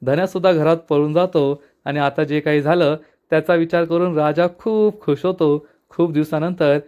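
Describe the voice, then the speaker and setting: A man briskly retelling the plot of a TV serial episode, quoting the characters as he goes. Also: on the high side, steady tone, darkish tone, clear, resonant tone, lo-fi sound. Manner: brisk storyteller, quotes characters. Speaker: episode reviewer.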